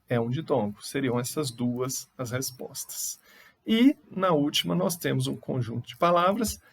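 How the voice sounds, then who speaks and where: A man's voice: medium pitch, gravelly, breathy edge. A Brazilian man teaching a recorded online lesson, explaining step by step and correcting himself as he goes. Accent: Brazilian Portuguese.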